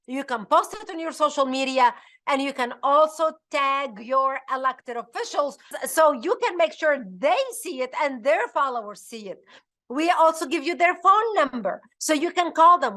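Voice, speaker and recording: A middle-aged Lebanese woman hosts a political advocacy show, her voice high, bright and forceful. She talks in an impassioned, urgent, emphatic way and frequently restarts her sentences.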